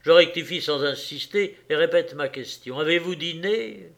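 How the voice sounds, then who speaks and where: A man's voice: a little high, normal speed, gravelly, voice pushed up. A man voicing a stiff, formal Austrian police officer who speaks with rigid politeness. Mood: stiffly polite.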